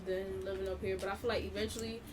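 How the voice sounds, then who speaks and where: A young woman jokes and chats casually on a podcast, in a mid-range voice. She sits back from the mic, and steady room noise is clearly heard. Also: medium pitch, quick pace. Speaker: podcast co-host. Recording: distant mic, noisy room.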